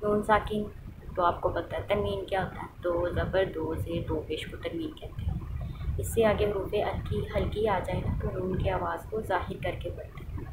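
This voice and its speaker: A woman's voice: on the low side, fairly even intonation, moderate pace, noisy background. A woman teaching the rules of Quran recitation, patiently asking questions and then answering them, and reciting examples aloud to show how they sound. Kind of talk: explaining a lesson.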